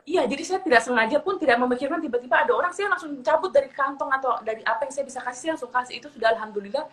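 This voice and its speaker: A woman's voice: sits high, racing, fairly bright tone, low-quality recording. A young woman from eastern Indonesia, a guest telling personal stories in a casual interview, earnest and repeating her phrases as she goes. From Papua, eastern Indonesia. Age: young adult.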